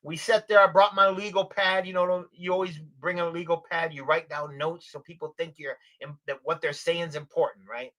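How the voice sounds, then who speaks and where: A middle-aged man with a slightly higher-than-average voice, telling a story in a loose, animated way. He is a guest on a livestream chat, and he slips into the voices of the people he describes. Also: normal speed, hardly any pauses. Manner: animated, acts out the voices of people in his stories. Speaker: podcast guest.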